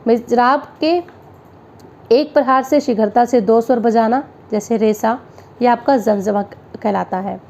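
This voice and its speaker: A woman's voice: a little high, measured pace, gravelly, a little mellow. Woman teacher quizzing with rhetorical questions. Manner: explains with rhetorical questions, then answers them; sings out note syllables as examples. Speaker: music theory teacher. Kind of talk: exam-prep lecture.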